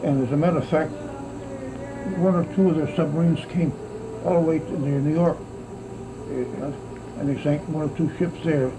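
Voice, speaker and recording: Creaky, high-pitched elderly American man reminiscing. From United States. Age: very elderly, about 90s or older. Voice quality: aged, creaky voice. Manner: old man's halting, rambling storytelling with repeated "see" tags. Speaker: grandfather recalling wartime childhood. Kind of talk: casual oral-history reminiscence. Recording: noisy, steady insect-like background hum.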